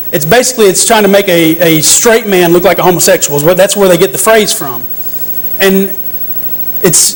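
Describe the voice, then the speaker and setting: Male preacher, high voice, earnest sermon delivery with frequent restarts. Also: low-quality recording. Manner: earnest, repeats and restarts phrases; addresses the congregation with questions.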